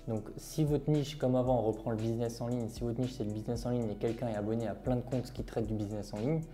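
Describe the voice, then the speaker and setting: A young man with a French accent walks viewers through a tutorial with a very dark, mellow tone. He keeps pausing on fillers and asks himself questions before he answers them. Faint music plays under his voice. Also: medium pitch, steady tone. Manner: explains step by step with frequent fillers and rhetorical questions. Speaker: online marketing creator. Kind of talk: screen-share tutorial talk.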